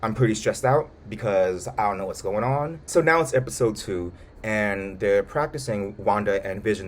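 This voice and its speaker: Brief: animated male reviewer, lowish voice, casual and jokey. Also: slight background noise. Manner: animated, colloquial, joking asides. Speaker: YouTube show reviewer.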